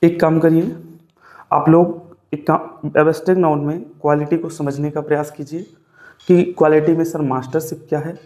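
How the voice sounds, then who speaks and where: A man's voice: on the high side, flat delivery, moderate pace, darkish tone. A man teaching English grammar in a classroom style, dictating notes and coaxing viewers with repeated questions, mixing English terms into his talk. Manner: repetitive, coaxing, addresses viewers as brother and sir; dictates notes, tells viewers to write things down.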